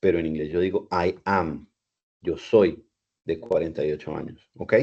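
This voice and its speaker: During an online English lecture held over video call, a very deep-voiced man patiently repeats and spells words for his students. He talks fairly quickly with mellow, fairly even intonation, and the lo-fi call audio comes through dull.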